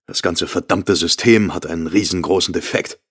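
A nervous, driven husband, as a male narrator puts him on, talking low and clipped with hissed urgency. The voice stays deep and close to the reader's own. Heard in an audiobook scene. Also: normal speed, fairly bright tone, husky, no room sound. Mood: urgent. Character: nervous, driven young husband fleeing at night.

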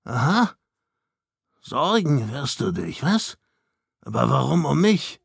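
A man voicing a small, gaunt, frightened man who croaks and stammers with open contempt. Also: mid-range voice, very animated, takes it slowly, no room sound, clean studio sound, voice pushed up, heavily acted. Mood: scornful. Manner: fearful, contemptuous.

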